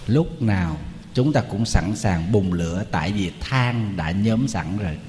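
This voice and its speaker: A man's voice: fairly low pitch, lively intonation, measured pace, a little mellow, in a large hall. A man, a Buddhist monk giving a humorous, storytelling sermon.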